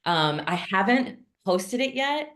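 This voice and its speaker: A woman's voice: medium pitch, very animated, takes it slowly, a bit bright. A woman hosting a casual monthly video call for notaries, chatty and frank, with frequent ums.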